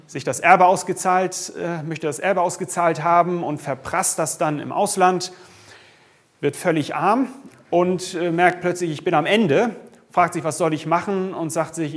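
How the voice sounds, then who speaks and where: A pastor preaches to his congregation in a voice on the high side, addressing them directly. He poses rhetorical questions and now and then hesitates with an "uh."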